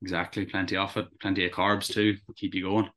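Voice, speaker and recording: A man's voice: low voice, little pitch movement, fairly quick, a bit bright. A young man with an Irish accent chatting casually and keenly as a rower being interviewed. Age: young adult. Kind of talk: casual chat.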